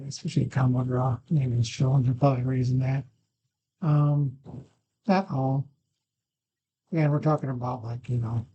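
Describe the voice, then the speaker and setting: A man with an average-pitched voice gives a casual, unscripted tutorial. He thinks aloud as he works through each step. The sound is a bit muffled, as from a makeshift microphone. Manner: informal, thinking aloud, occasional throat clearing. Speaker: poker strategy video presenter. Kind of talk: casual screen-share tutorial, talking off the cuff. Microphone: makeshift mic, not a dedicated one. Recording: muffled, without a proper microphone.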